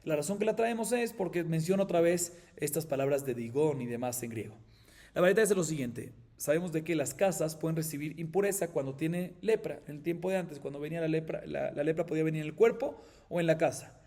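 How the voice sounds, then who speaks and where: Slightly high-voiced rabbi teaching Talmud. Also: male voice, fairly quick, darkish tone. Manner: explanatory, checks in with frequent "¿sí?"; reads Aramaic text aloud then explains it. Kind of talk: Talmud class.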